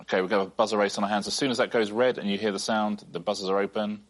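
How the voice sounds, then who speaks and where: A man hosting a quiz show, reading questions briskly and teasing the contestants in a dry way. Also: lowish voice, level tone.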